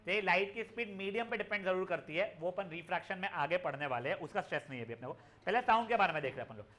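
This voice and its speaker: A man's voice: high voice, lively intonation, rapid-fire, sharp tone. A young man teaching a physics class online, explaining in chatty mixed Hindi and English and addressing students affectionately. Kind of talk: live online class lecture.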